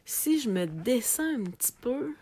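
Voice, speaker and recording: Lively chatty Québécois woman. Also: a little high, a little slow, breathy edge. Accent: Québécois French. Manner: chatty, animated, talks to viewers directly. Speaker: craft product seller. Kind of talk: live video sales chat.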